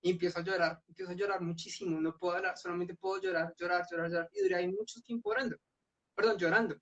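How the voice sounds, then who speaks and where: A man's voice: high-pitched, animated, quick pace, vocal fry, fairly bright tone. A young man giving an earnest personal testimony at a church youth meeting, telling his story with frequent restarts. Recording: dull lo-fi sound.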